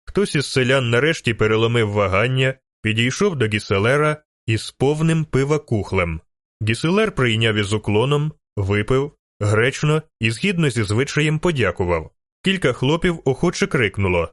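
A man reading an audiobook in steady, rhythmic scripted narration. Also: mid-range voice, normal speed, no room sound, studio quality. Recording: narration over faint music.

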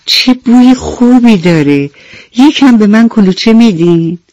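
A woman voicing a mouse with glasses in a children's radio bedtime story, speaking in a high, reproachful voice. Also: lively intonation, a little mellow, no room sound, muffled recording, close to an everyday voice. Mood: eager. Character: bespectacled mouse, scolding and sulky.

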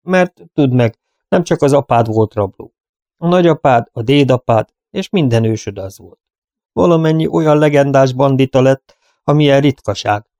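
A man voicing an aging male cowboy guardian, guilt-ridden and fearful, speaking haltingly and often hushed. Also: medium pitch, animated, dry recording, lightly acted. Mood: grave.

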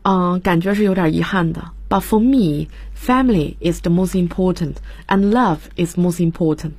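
Husky low-voiced woman teaching. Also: moderate pace, darkish tone, dry recording. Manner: explains patiently, spells words letter by letter. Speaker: English teacher. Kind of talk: radio vocabulary lesson. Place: radio studio.

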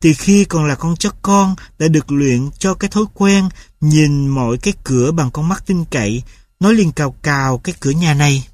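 Brief: male audiobook narrator, steady storytelling voice, dry close sound. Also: a little high, moderate pace, dry recording. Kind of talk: audiobook reading.

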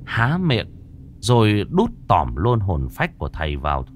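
A man's voice: on the low side, huge pitch swings, unhurried, slight background noise. A man narrating a scripted ghost story in a dramatic, vivid way.

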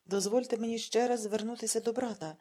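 A woman reading a husky, pleading grieving older man. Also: very high-pitched, fairly even intonation, fast talker, dark tone. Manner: pleading, sorrowful.

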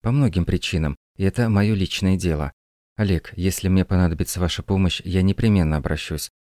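A man voicing a composed young woman in an audiobook, speaking calmly and firmly. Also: deep voice, dry recording, clean studio sound, natural voice. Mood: lecturing. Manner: calm, measured, firm. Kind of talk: audiobook reading.

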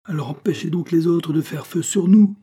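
A man voicing a hot-tempered farmer who rouses a crowd with loud, commanding shouts. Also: on the high side, moderate pace, slightly rough, voice pushed up. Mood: fiery.

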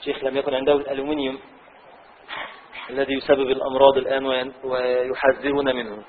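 A man's voice: medium pitch, little pitch movement, slight background noise. Egyptian guy teaching a religious law class, reads the text then goes over it again and again, sounds thin like over a phone. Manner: reads a passage aloud, then explains it slowly with many repetitions. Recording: tinny phone-like audio.

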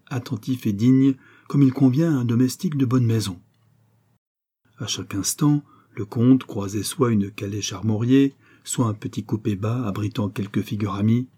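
Mellow male audiobook narrator. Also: on the low side, slightly rough. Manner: measured, literary phrasing. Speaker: audiobook reader. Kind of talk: scripted narration of a novel.

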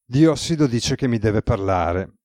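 A man voicing a weary, ironic male god with a relaxed, teasing manner, as read in an audiobook. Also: medium pitch, measured pace, no room sound, clean studio sound, close to an everyday voice. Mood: wry.

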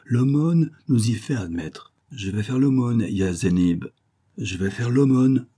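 Crafty old preacher done by a man, calm, husky, mellow. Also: medium pitch, unhurried. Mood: musing. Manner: calm, sly, sometimes sighing. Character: crafty, mild old male Turkish preacher.

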